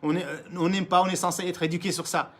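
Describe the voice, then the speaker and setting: A fast-talking man with a high-pitched, slightly bright voice and flat delivery speaks French in an impassioned political monologue. He is a Mauritanian political commentator and Arabic speaker, emphatic and repetitive, often restarting his words and speaking straight to leaders.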